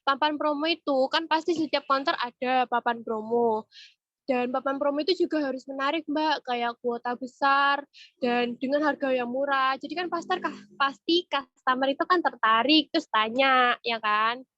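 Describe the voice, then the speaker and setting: In muffled, dull online-meeting audio with no room sound, a woman with a cold and cough delivers an easygoing training session for retail, often checking in with those listening. Her voice is high-pitched and fairly bright, at a normal pace.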